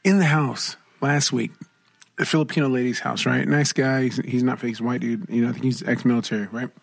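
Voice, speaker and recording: Male podcast co-host, husky, casual storyteller, dry close sound. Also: mid-range voice, fairly quick, dry recording. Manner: animated storyteller, acts out quoted voices.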